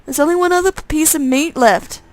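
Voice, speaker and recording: A woman's voice: sits high, fairly quick, voice pushed up, lightly acted. A woman voicing a sardonic, hungry young brother. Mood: menacing. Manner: sarcastic, grumbling, menacing.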